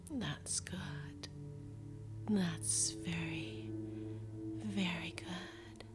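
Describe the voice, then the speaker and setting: Slow woman whispering right in your ear. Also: deep voice, sing-song. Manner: very slow, seductive, soothing commands. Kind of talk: whispered ASMR hypnosis role-play. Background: music with singing bowl tones.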